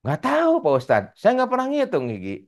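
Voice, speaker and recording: A man's voice: high voice, wildly swooping pitch, quick pace, pitched above the performer's own voice, heavily acted. A man voicing a young man with a toothache, complaining and exasperated in a raised voice. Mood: meek.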